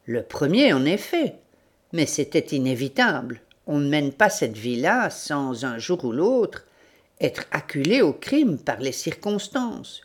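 A woman's voice: deep voice, big pitch swings, measured pace, full character voice. A woman voicing an eager, talkative male police sergeant devoted to his chief.

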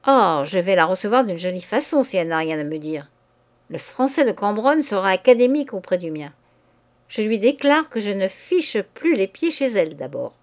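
A woman reading a novel aloud, giving voice to a brusque, scornful young man who talks roughly and impatiently. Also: mid-range voice, big pitch swings, normal speed, lightly acted. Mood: irritated.

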